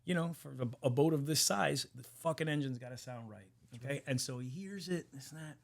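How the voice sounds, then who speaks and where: A man with a somewhat high voice co-hosting a casual podcast. He tells stories animatedly, swears freely and peppers his talk with "okay?" and "you know". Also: a little fast, creaky. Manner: animated storyteller who swears a lot. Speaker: podcast co-host. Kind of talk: casual podcast chat and anecdote.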